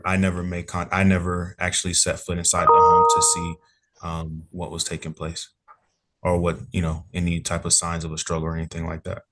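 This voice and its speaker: A man's voice: low-pitched, monotone, fairly quick, a bit bright, slight background noise. A police officer testifying in court over a remote call, polite and hedging in his answers.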